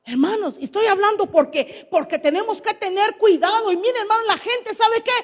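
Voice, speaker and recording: A woman's voice: extremely high pitch, moderate pace. A woman pastor preaching a sermon to her congregation, questioning them and reading scripture aloud. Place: church. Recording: long church hall reverb.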